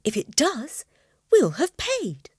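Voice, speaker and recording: A woman's voice: high-pitched, wildly swooping pitch, slow pace, no room sound, studio quality, voice pushed up, heavily acted. A woman doing a prim, proper lady mouse. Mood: earnest. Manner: precise, instructive. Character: prim, proper female mouse, careful and thoughtful. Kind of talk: storybook character voice.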